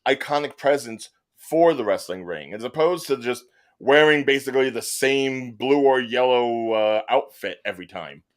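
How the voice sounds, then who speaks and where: Male podcast host, lively pitch swings, animated joking tone, casual wrestling chat. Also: normal speed. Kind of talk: casual wrestling panel talk.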